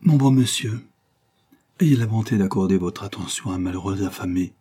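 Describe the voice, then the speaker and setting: A man's voice: moderate pace, dark tone, husky. A man voicing a ragged drunken beggar who pleads and stammers. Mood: pleading. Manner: pleading, stammering, high and strained.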